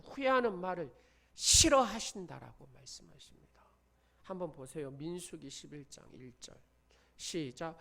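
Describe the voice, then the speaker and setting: A male pastor preaching a sermon with fervor, booming out proclamations and then dropping to near whispers. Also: fairly bright tone. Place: church sanctuary.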